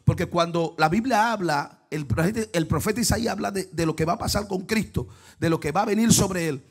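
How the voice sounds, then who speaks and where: A man preaching a fervent sermon, dropping to hushed asides and then breaking into shouts while he quizzes the congregation. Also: high voice, a little fast, gravelly, slightly rough. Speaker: pastor. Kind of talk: lively Pentecostal sermon.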